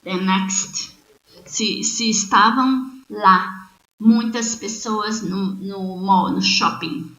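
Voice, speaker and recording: In a bilingual online grammar lesson, a Brazilian-accented woman whose native language is Portuguese explains English by spelling out sentences one word at a time. She speaks slowly in a mid-range, slightly bright voice with fairly even intonation, on muffled, roomy lo-fi audio with faint noise.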